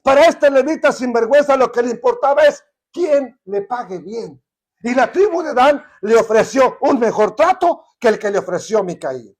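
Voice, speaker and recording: A man's voice: extremely high pitch, expressive, normal speed. A man teaching a Bible study in a conversational way, often checking in with rhetorical questions.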